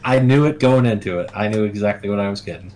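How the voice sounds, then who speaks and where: Male podcast co-host, low voice, dry teasing delivery. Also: fast, a little mellow. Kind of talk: casual gaming podcast chat.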